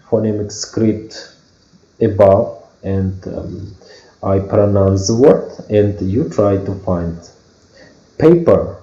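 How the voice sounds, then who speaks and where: A man with an Uzbek accent teaching an English phonology lesson, slowly explaining with many fillers and restarts. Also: fairly low pitch, mellow. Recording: echoey room, dull lo-fi sound.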